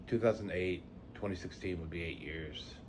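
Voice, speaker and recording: Low-voiced middle-aged man with slurred, toothless speech. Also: moderate pace, background noise. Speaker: vlogger introducing a channel. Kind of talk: unscripted reflective talk to viewers.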